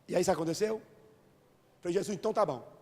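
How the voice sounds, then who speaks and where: A Brazilian man with a high voice preaches a sermon. He tells a personal story, then builds to loud, fervent preaching. His voice rings through a large, reverberant hall with faint music underneath. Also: very fast. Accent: Brazilian Portuguese. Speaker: pastor. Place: church hall.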